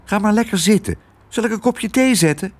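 A man's voice: sits high, expressive, brisk, voice pushed up. A man voicing an eager, kind little girl in a storybook reading, lifted well above his own voice.

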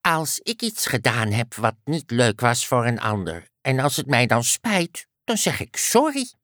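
A woman's voice: rumbling low, sing-song, measured pace, fairly bright tone, no room sound, studio quality, full character voice. A woman voicing a timid little duck in a children's story, meek and apologetic. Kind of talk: storybook character voice.

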